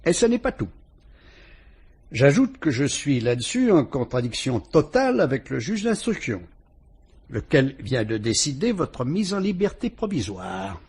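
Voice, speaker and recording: This vintage radio drama features a male actor with a French accent as a calm, shrewd inspector, politely and ironically pressing a suspect. His mid-range voice is husky and heavily acted, his pace measured and probing.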